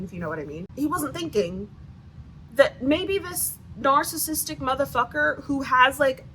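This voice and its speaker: A woman's voice: high voice, sharp tone, a little hiss or hum, low-quality recording. A woman giving a casual, profane book-review rant, sarcastic and exasperated.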